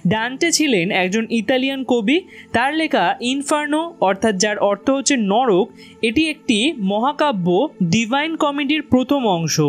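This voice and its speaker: A woman teacher from West Bengal giving a patient, explanatory exam-prep lecture to students, reading quoted English lines slowly and deliberately. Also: fairly high pitch. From West Bengal, India.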